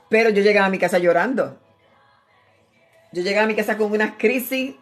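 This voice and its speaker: A woman's voice: mid-range voice, normal speed, soft background music. A woman, preaching informally and telling her own testimony. She speaks straight to the listener, repeating phrases and calling them brother. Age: 60s.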